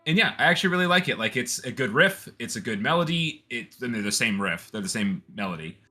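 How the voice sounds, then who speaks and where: A man co-hosting a casual chat, excitable and rambling, with frequent restarts. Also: medium pitch, fast. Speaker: podcast co-host.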